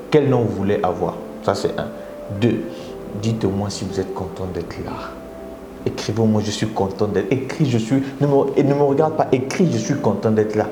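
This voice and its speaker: A gravel-voiced Congolese man, speaking with a Congolese French accent, leads a live motivational session. He animatedly urges his audience on and often leaps into high-pitched exclamations, while the echoey room carries noticeable background noise.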